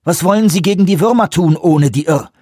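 A defiant male scientist, read by a male narrator, hurls heated accusations. The voice is husky and close, with a dry, roomless sound. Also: sits high, brisk, darkish tone, dry recording, pitched above the performer's own voice. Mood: accusing.

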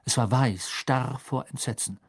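A man narrating an audiobook in a measured storytelling manner. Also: mid-range voice, gravelly, slightly rough, no room sound, clean studio sound. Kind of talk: scripted narration.

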